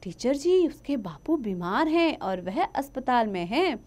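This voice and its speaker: A woman's voice: on the high side, sing-song, a little slow, a little mellow, pitched above the performer's own voice. A woman voicing a polite, helpful young schoolgirl classmate.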